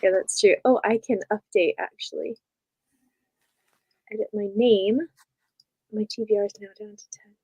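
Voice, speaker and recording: A woman's voice: medium pitch, steady tone, normal speed, long pauses, a little mellow, slightly rough, dry recording, muffled recording. A young woman chatting casually as co-host of a reading livestream, giggling often and reading out viewer comments.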